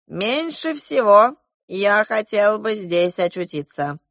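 A woman's voice: mid-range voice, big pitch swings, slow pace, a bit bright, dry recording, studio quality, heavily acted. A woman voicing a bossy, theatrical male goose pilot in a storybook reading, declaiming and commanding. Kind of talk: audiobook character voice.

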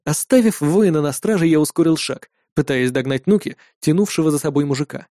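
Man narrating a fantasy story, mellow. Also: a little high, a little fast, dry recording, studio quality. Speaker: audiobook narrator. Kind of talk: first-person fantasy narration.

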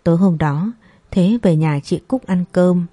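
Lady reading a story out, steady and even, mellow dark tone, dry close sound. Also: fairly low pitch, unhurried, no echo. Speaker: story narrator. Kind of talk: scripted story narration.

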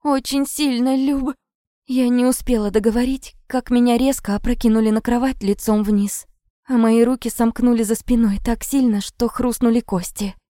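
A woman's voice: fairly high pitch, fairly even intonation, moderate pace, mellow, dry recording, clean studio sound. A woman reading a dramatic first-person audiobook in a tense, vivid manner. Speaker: audiobook narrator.

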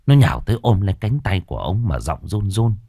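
A man's voice: on the low side, big pitch swings, a little fast, vocal fry, mellow, breathy edge, no room sound, studio quality. A man reading a grim rural ghost story aloud with dramatic expression.

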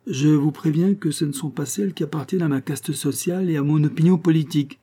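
Pompous, boastful gambler, read by a man; dark and husky. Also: a little high, quick pace, pitched above the performer's own voice. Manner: pompous, sententious.

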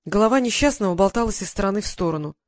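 A man reading a first-person historical story aloud in an even storytelling manner. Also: sits high, rapid-fire, no room sound. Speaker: audiobook narrator. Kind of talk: first-person scripted narration.

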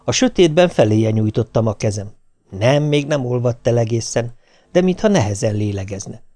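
A man narrating an audiobook of a comic novel. He reads in a middle-pitched voice, and his delivery is lively and expressive, shifting tone to carry the story along. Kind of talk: audiobook reading of a humorous novel.

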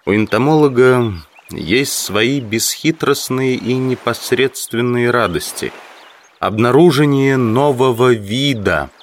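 A man with a medium-pitched voice, lightly acted, plays an earnest, obsessive amateur entomologist in an audio drama. He muses through a deliberate, reflective monologue.

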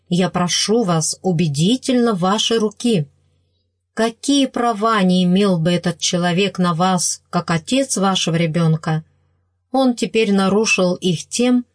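A woman voicing an earnest middle-aged man from a storybook, who proposes marriage with slow, pleading insistence. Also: lowish voice, no echo, studio quality.

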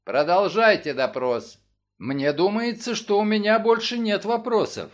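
A man's voice: high-pitched, a little slow, voice pushed up. Male narrator doing an indignant, lecturing coroner, audiobook. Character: indignant middle-aged male coroner, gruff.

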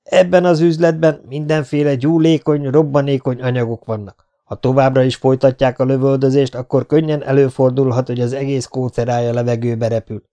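A man's voice: medium pitch, level tone, mellow, pitched above the performer's own voice, natural voice. A man voicing a tough male commando who answers his besiegers with sarcastic defiance. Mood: defiant. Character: tough, wry male commando under siege.

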